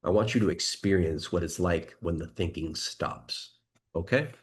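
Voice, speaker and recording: A man coaching listeners, talking calmly and leading them through a slow guided breathing exercise with many questions. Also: sits low. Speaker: dating and confidence coach.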